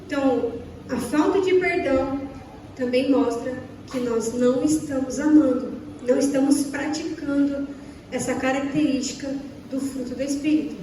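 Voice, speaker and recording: A woman's voice: high-pitched, moderate pace, mellow, slight background noise. A young Brazilian woman preaching a sermon to a church, asking the listeners repeated questions and acting out little dialogues. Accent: Brazilian Portuguese. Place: church hall. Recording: echoey church hall, from far off.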